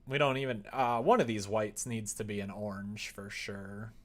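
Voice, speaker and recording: Here a man with a fairly low, fairly bright voice talks at a normal speed in a steady tone while building a visual novel live. It's casual stream chat: he mutters instructions, reasons aloud, and responds to viewers over faint background noise and typing.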